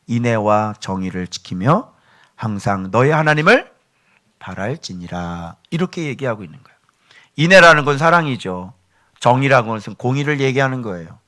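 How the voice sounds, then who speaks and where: A male pastor giving a sermon in an animated way, with joking asides to his congregation. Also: medium pitch.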